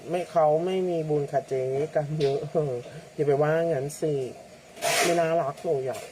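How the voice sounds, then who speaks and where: A man hosting a lottery livestream, chatting casually, reading out viewer comments and using soft feminine polite particles. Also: a little high, normal speed, slight background noise. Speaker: lottery-number livestream host.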